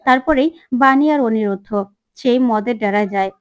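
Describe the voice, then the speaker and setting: A woman's voice: fairly high pitch, normal speed, clear, resonant tone, dry recording. A woman retelling a TV serial episode as a story, reading every character's lines herself. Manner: reads all characters' lines herself, voices slightly shifted. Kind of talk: storytelling recap with acted dialogue.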